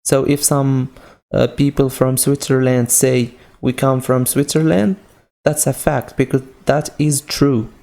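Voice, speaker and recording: Male English teacher with a Moroccan accent, slow and patient, gravelly delivery. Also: mid-range voice, steady tone, dark tone. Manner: patient, repeats each point with examples. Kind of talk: slow grammar lesson.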